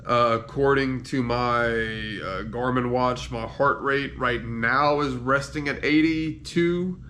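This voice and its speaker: A slow-speaking man gives a casual, unscripted recovery update in halting phrases that often trail off. He is in pain after surgery, on painkillers and stuffed up with a cold, with faint noise behind him. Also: medium pitch, sharp tone. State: congested from head cold and sinus trouble. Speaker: patient giving a recovery update. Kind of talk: casual personal video diary, unscripted.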